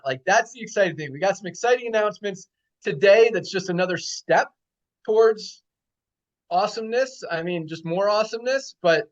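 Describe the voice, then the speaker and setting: On an upbeat company video call, a high-voiced man eagerly reports the numbers and repeats them for emphasis. The recording has its high frequencies cut off.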